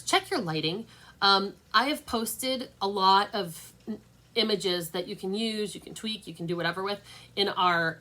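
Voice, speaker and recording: A woman leading her sales team in a casual livestream pep talk, chatty and upbeat, with lots of fillers and warm encouragement. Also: on the low side. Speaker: direct-sales team leader. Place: at home.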